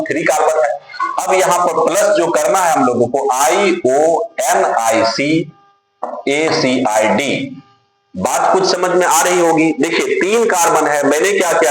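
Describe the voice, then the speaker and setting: A man teaching a chemistry lesson to students. He spells names out letter by letter, asks his own questions and answers them, and calls the students dear children. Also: fairly high pitch. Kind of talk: classroom lecture. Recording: very echoey room with music behind.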